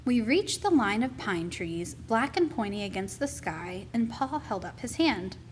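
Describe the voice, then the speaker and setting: A woman reading a children's picture book aloud as expressive, deliberate storytelling. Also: mid-range voice, slight background noise.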